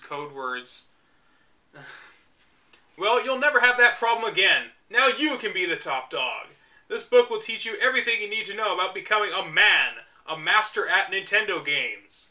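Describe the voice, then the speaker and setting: A young man with a sharp, high-pitched voice reads an old video game guide aloud. Between passages he mocks it with dry, sarcastic asides.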